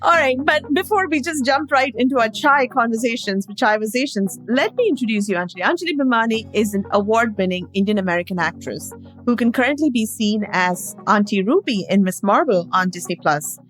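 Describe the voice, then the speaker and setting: A New York City woman co-hosts a podcast, giggling and enthusiastic as she reads a guest's credits in a casual introduction, stumbling over names. Her voice is a little high, animated, brisk and a bit bright, with faint music behind her.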